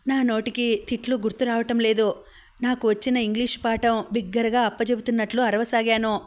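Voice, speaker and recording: Woman reading a novel in a flat, even voice. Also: a little high, fairly quick. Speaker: audiobook narrator. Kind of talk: first-person novel reading. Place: home recording.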